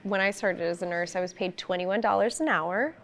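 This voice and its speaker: A woman's voice: medium pitch, a little fast, loud music behind the voice. A woman in her thirties, a women's health nurse, talking in a matter-of-fact way in a panel chat. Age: 30s. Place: indoor cafe.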